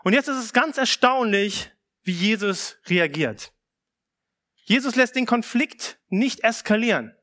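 A man preaching in an unhurried, measured sermon voice that stays high for a man. His tone is bright and clear. He moves from a solemn Bible reading into relaxed, chatty explanation. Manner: calm, measured preaching with casual asides.

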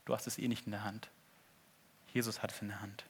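A man preaching a sermon in an earnest way, swinging between loud appeals and hushed asides. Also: on the low side, little pitch movement, fairly quick, breathy edge. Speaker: pastor.

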